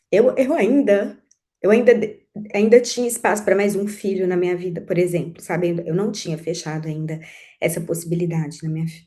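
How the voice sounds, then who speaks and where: A woman in her forties sharing her personal experience in a group conversation, speaking in a halting, reflective way with many pauses and restarts. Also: mid-range voice, dark tone. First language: Portuguese. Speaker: group participant.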